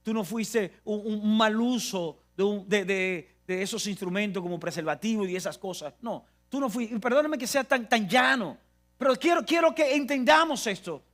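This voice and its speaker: A man's voice: high voice, moderate pace, fairly bright tone, faint music behind. A man with a Dominican Spanish accent preaching a sermon, emphatic and repetitive, often restarting his phrases.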